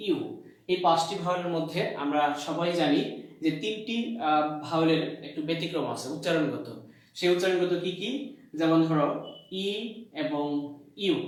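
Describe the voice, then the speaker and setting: A male college English lecturer from Bangladesh teaching a grammar lesson. He asks the class questions, answers them himself, repeats key points and fills pauses with "uh". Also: fairly high pitch. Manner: hesitant, many "uh" fillers. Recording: very echoey room.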